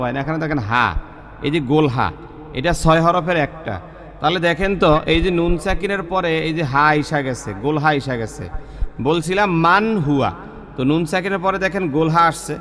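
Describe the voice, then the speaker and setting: High-voiced teacher drilling pronunciation. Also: male voice, fairly bright tone, big-room sound. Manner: repetitive, drills pronunciation examples, addresses students directly. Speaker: Quran recitation teacher. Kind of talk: online tajweed class.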